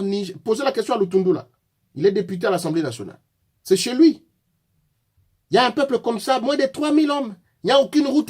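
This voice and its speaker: A man's voice: sits high, breathy edge. A man from Congo with a Congolese French accent gives a fiery political address, accusing his opponents directly. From Congo (DRC). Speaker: political activist.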